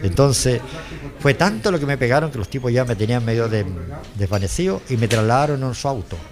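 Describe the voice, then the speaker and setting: A man's voice: mid-range voice, animated, a little fast, crowd noise. An older man with a Chilean accent giving a rambling personal testimony, often repeating himself and quoting what others said. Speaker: interviewee, former driver.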